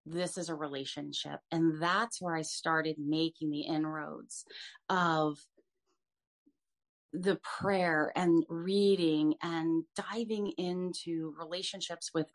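Woman, fifties, slightly low voice, earnest guest sharing a personal faith story. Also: fairly even intonation, slow. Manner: earnest, frequent restarts. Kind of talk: personal testimony in an interview.

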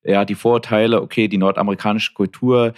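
A man with a Berlin accent speaks in a fairly low voice. He talks things over slowly in casual conversation, pausing often and restarting his sentences. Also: flat delivery. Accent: Berlin German. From Berlin, Germany. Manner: reflective, halting, many restarts and fillers.

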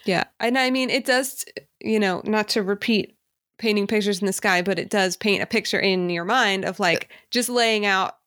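A woman's voice: mid-range voice, normal speed, fairly bright tone, dry recording, clean studio sound. A woman co-hosting a podcast, chatting casually and frankly about a song, laughing often and joking wryly. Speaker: podcast co-host. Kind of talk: casual chat reviewing songs.

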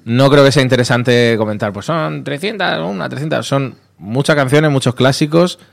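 A man, a radio station manager being interviewed, telling stories in a lively way and acting out dialogue. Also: mid-range voice, vocal fry. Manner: lively, animated storyteller, quick to act out dialogue. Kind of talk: casual interview talk.

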